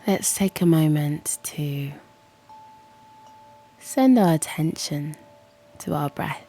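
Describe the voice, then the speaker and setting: Over soft music, a yoga nidra guide who hosts her own channel leads a guided meditation at an extremely slow pace. Her low, soft, breathy voice often nears a whisper, carries noticeable creak, and sounds soothing and gently encouraging.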